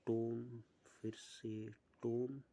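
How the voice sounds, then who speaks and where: A man teaching an online music lesson, explaining step by step with pauses. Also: medium pitch, flat delivery, gravelly, warm tone.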